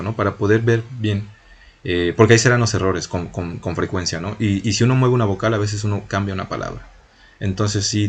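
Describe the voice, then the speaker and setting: Brief: man, very low husky voice, patient teacher explaining step by step, keeps checking in with viewers. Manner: patient, repeats points and checks in with a frequent "¿no?". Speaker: French teacher. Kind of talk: explanatory video lesson.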